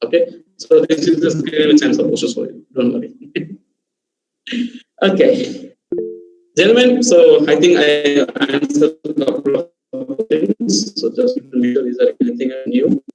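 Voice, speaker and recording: A man's voice: a little high, sing-song, a little slow, creaky, a little mellow, faint music behind. A man with an Indian English accent giving a live online lesson on a video call. He lists numbered tips and keeps coming back to "okay". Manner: repeats "okay", gives numbered step-by-step tips. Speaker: online workshop trainer. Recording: dull, roomy video-call audio with faint hiss.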